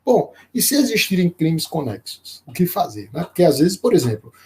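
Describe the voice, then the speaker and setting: A man teaching a live-streamed law lecture, explaining slowly with frequent fillers and restarts and pausing to greet viewers by name. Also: a little high, sing-song, warm tone. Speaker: law professor.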